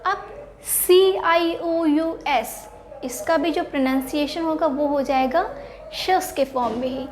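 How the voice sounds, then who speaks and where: A woman with a high voice teaches spelling and pronunciation. She walks through each rule patiently, asking questions and answering them herself, with faint noise in the background. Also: takes it slowly. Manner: explains step by step, poses questions then answers them; mixes English words into Hindi teaching. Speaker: English teacher.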